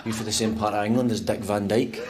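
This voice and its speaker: A man's voice: fairly low pitch, steady tone, quick pace, noisy background, natural voice. A man playing a sardonic Scottish lift rider. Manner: dry, mocking remarks.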